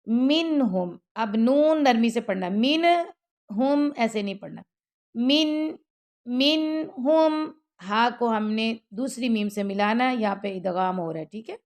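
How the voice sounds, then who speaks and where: A woman teaching Quran recitation, switching between slow drawn-out chanting and quick spoken explanations. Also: mid-range voice, darkish tone. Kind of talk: tajweed recitation lesson.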